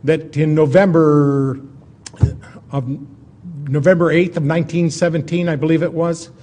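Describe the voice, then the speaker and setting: With a mellow, steady tone and a slightly high pitch, a man tells history informally, like a storyteller. The talk is folksy and chatty, with pauses for dramatic effect.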